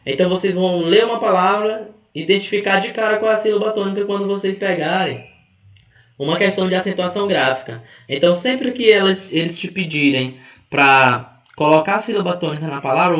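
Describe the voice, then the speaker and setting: In a high, fairly bright voice that rings with reverb, a man teaches a grammar lesson for exam prep at a slightly quick pace. He draws out words to mark the stressed syllable and often corrects himself, restarting mid-phrase.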